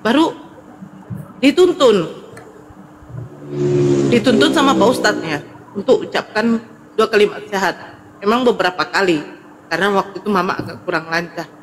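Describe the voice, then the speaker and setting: A woman's voice: mid-range voice, sing-song, moderate pace, pauses often. Woman, heartfelt testimony, acts out dialogue, long reverb, mains hum. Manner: vivid retelling that acts out family dialogue. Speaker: guest giving a testimony. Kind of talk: emotional personal storytelling.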